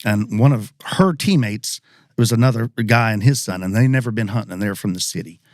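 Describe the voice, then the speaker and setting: A man telling a hunting story in casual podcast chat, animated and acting out the people he quotes. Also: fairly low pitch, fairly quick, no room sound, studio quality. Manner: casual, mild swearing. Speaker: podcast guest.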